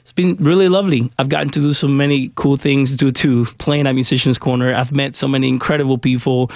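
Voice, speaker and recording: A man's voice: mid-range voice, steady tone, quick pace, dry recording, clean studio sound. A man from Honduras, a guest musician on a radio interview, talking in a friendly, chatty way with many fillers.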